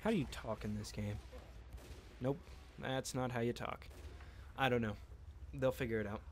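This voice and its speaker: A man with a mid-range voice and a steady tone talks at a normal speed over slight background noise. He's doing casual let's-play commentary, rambling along and cracking jokes to himself in the middle of the game.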